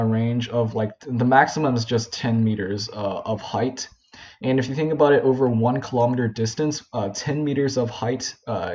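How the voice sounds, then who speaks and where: A young male physics tutor works through a problem at a whiteboard in loose, informal speech, full of fillers and quick self-corrections. His mid-range voice is mellow and slightly dark. The dull, lo-fi sound suggests a basic home setup.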